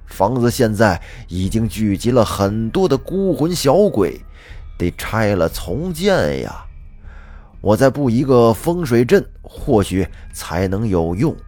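A man voicing a middle-aged male Taoist feng shui master who speaks in slow, drawn-out pronouncements. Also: mid-range voice, warm tone, no room sound.

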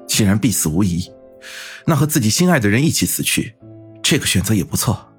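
A man voicing a calm, resolute young detective who speaks in a steady, solemn way in an audio drama. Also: on the low side, fairly quick, soft background music. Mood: cold defiance. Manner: steady, solemn, quietly devoted.

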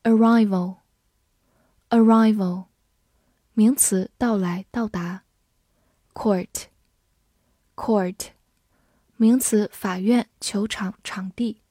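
Slow, deliberate female vocabulary teacher. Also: mid-range voice, steady tone, warm tone, no echo, studio quality. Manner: slow, deliberate word-by-word reading. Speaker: English teacher. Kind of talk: vocabulary drill.

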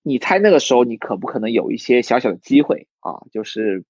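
A man's voice: medium pitch, big pitch swings, a little fast, a little mellow, husky, no echo, dull audio. A man giving a casual livestream lesson on recruiting sales, talking loosely with plenty of fillers and restarts and putting questions to his audience. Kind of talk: livestream teaching talk.

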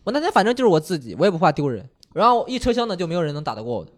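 A man telling a comic story in casual chat on a comedy podcast, animated and full of quick restarts. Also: high-pitched.

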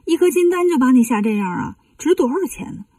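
A woman's voice: sits high, very animated, fast talker, dark tone, no echo, distant mic, full character voice. A woman voicing a clever, cheeky male monkey king in a children's story, teasing and playful.

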